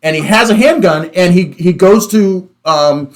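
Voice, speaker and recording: A man with a distinctly high-pitched voice leads an informal discussion. He explains and recaps conversationally, like a host chatting with colleagues. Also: unhurried. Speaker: podcast host. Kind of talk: casual chat and explanation.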